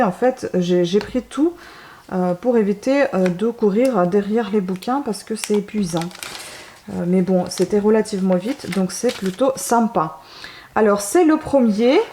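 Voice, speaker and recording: A woman's voice: a little high, darkish tone, slight background noise. A woman vlogger showing her newly bought books in a casual, hesitant way, with many fillers and restarts. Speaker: book vlogger. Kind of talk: casual book haul talk.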